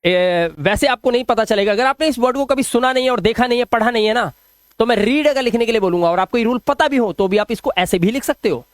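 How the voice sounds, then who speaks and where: A man with a very high voice explains English pronunciation rules classroom-style, posing questions and answering them himself while slowly drawing out sample words. There is no echo.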